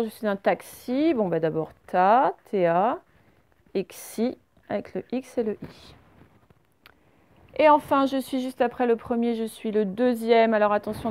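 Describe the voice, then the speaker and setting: A French woman teaching a reading lesson, speaking slowly and clearly and spelling words out letter by letter. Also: a little high, darkish tone.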